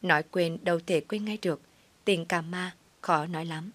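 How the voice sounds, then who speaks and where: A woman's voice: fairly low pitch, moderate pace, close to an everyday voice. Woman reading a cold, scornful young man. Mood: wistful. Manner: curt, mocking, raised voice.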